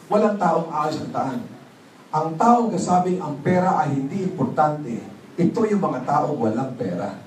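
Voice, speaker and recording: A man's voice: fairly high pitch, unhurried. A man giving a motivational business seminar talk, prompting the audience to answer and mixing in English phrases. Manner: animated, prompts audience call-and-response. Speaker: seminar speaker. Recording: echoey hall, voice from far off, faint noise.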